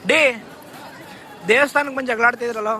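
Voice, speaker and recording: A young man vlogging casually outdoors, teasing his friends in quick banter. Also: extremely high pitch, steady tone, pushed and bright. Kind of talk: casual travel vlog chat. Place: outdoors at a busy temple area and parking lot. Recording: busy crowd and street noise.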